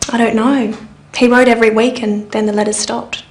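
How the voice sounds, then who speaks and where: A woman's voice: a little high, little pitch movement, fairly quick, lightly acted. An actress in her twenties, from Singapore, playing a young businesswoman who asks an investigator to find her missing brother. She speaks plainly and earnestly. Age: 20s. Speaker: client. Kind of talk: scripted English-learning drama.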